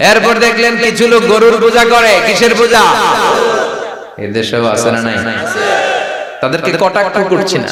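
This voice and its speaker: A man preaching a sermon with many questions to the crowd and stretches of chanted recitation. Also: high voice. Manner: call-and-response questions, chanted Quranic recitation. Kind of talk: Bengali waz sermon. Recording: echoey PA sound from a large venue, crowd behind.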